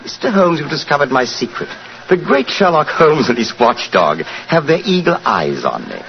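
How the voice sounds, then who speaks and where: An actor playing a mocking, sardonic gentleman villain in a 1940s radio drama, flippant and theatrical. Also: fairly high pitch, big pitch swings, normal speed. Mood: taunting. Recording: muffled, hissy 1940s radio broadcast.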